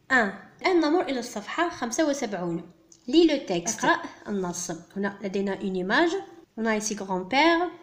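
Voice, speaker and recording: A French teacher with a fairly high voice leads a primary school French lesson, reading slowly, pronouncing each sound carefully and spelling words letter by letter. Between lines, she hurries through quick translations for the children.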